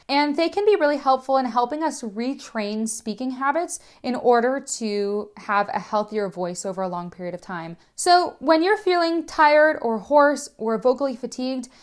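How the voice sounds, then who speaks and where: Young adult woman, voice teacher, clear explanatory delivery, pitched a touch high. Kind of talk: educational lesson.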